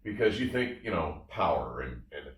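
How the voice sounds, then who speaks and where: With a deep, very animated voice at a moderate pace, a man who hosts a show and reviews audio equipment gushes about products casually, emphatically repeating his phrases. The sound is roomy and the mic somewhat far off.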